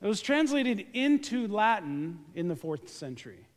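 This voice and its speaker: A man preaching a sermon as a pastor, animated and joking, with casual slang between points. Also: high-pitched, moderate pace. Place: church sanctuary. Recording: reverberant church hall.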